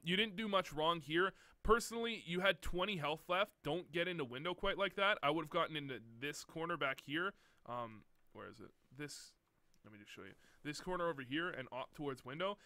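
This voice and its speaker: A young man talks a viewer through a match replay with blunt, profane coaching and frequent exasperation. His voice sits a little high and sounds bright and sharp. The sound is close and dry, with no room in it. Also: no room sound. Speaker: game coach reviewing a demo. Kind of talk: casual commentary over gameplay.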